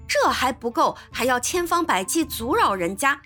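A woman voicing a hot-tempered, loyal young male servant in a storybook reading, speaking in loud indignant outbursts. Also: very high-pitched, sing-song, moderate pace, soft background music, heavily acted.

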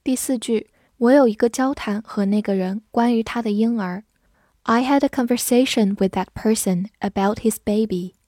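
A woman's voice: a little high, moderate pace, dark tone, no echo, clean studio sound. A woman hosting an English lesson, with scripted narration in an upbeat, inviting presenter tone. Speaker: lesson host.

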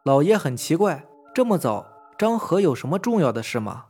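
Brief: a man, slightly high voice, calmly narrating a ghost story with soft music beneath. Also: moderate pace, slightly rough. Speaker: storyteller host. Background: faint eerie music.

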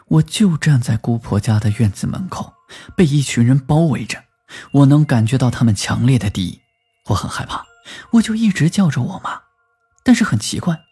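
A man narrating a first-person rural horror story in a lively storytelling manner, lifting his voice for the quoted lines. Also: medium pitch, breathy edge.

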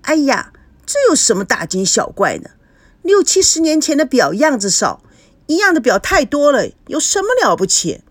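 A woman voicing a bossy, sharp-tongued young woman who leads the group and scolds them. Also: high voice, very animated, moderate pace, no room sound. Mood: bossy scolding. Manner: scolding, commanding.

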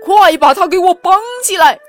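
A woman's voice: extremely high pitch, normal speed, soft background music, voice pushed up. A woman voicing an angry, grieving old dragon king who threatens in a storybook tale. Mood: vengeful.

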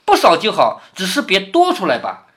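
A shrewd young wife, cool and probing in every question, read aloud by a man. The pitch moves in lively swings. It is a storybook reading of a classic novel. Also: moderate pace, heavily acted. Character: clever, sharp-tongued young wife.

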